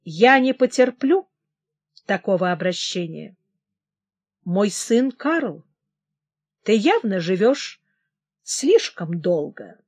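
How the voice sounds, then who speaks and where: A woman voicing a cold, scheming older queen mother who speaks calmly and calculatingly. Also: medium pitch, slow, long pauses, no room sound, exaggerated voice. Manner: calm, smooth, quietly calculating.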